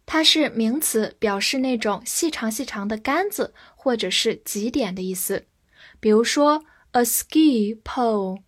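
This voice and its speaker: A woman teaches a vocabulary lesson at an unhurried, deliberate pace. Her voice sits a little high, and she spells words out letter by letter before reading each example slowly.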